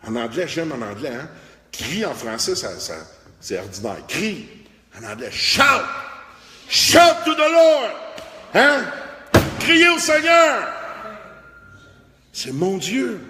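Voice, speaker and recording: A man preaching a lively Bible study with a Québécois French accent, breaking into shouted praise words. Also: mid-range voice. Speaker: pastor. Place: church. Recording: echoey church hall, faint noise.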